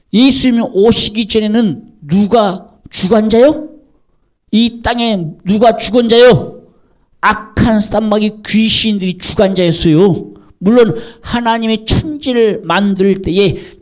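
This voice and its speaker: A male pastor preaching a sermon, asking the congregation questions and answering them himself, repeating key words for emphasis. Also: sits high. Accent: Korean from the southwest.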